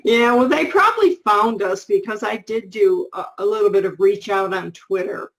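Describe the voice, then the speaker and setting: A woman's voice: mid-range voice, expressive, moderate pace, poor audio. A middle-aged woman co-hosting a casual show about books, chatty and full of restarts and asides. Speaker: co-host.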